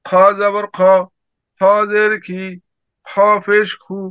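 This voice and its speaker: High, slow man chanting letter drills. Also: completely flat delivery, smooth, no echo, lo-fi sound. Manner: slow sing-song syllable recitation. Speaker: student. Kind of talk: reciting Arabic letter drills. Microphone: online call.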